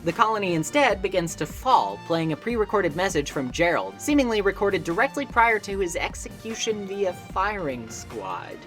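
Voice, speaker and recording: With a mid-range, slightly bright voice and a sing-song lilt, a woman narrates a scripted video essay at a moderate pace with few pauses. She's a video essayist and game reviewer, and her delivery is wry, conversational and articulate over background music.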